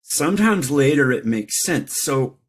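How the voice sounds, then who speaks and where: Middle-aged man, husky mid-pitched voice, candid recovery share with dry self-mockery. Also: lively intonation, measured pace. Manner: candid, reflective, self-deprecating humor. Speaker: recovery meeting speaker.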